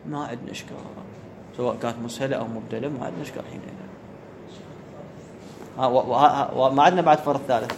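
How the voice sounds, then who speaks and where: A man's voice: medium pitch, fairly even intonation, rapid-fire, gravelly, pauses often, noisy background. A man giving a classroom grammar lecture, often checking whether his students follow and repeating the key words. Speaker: teacher of Arabic grammar.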